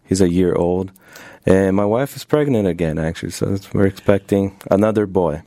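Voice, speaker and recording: A man's voice: deep voice, normal speed, warm tone, no room sound, clean studio sound. A man from Brazil in his thirties, a doctoral student guest, speaking hesitantly with fillers, English. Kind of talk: interview and spoken prayer.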